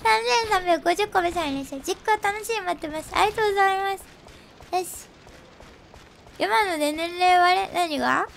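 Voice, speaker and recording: Very high-voiced woman streaming a game. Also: fairly quick, vocal fry, a bit bright, a little hiss or hum. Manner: chatty, laughs often, thanks viewers. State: nasal from a cold. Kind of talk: casual live-stream commentary. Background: game music.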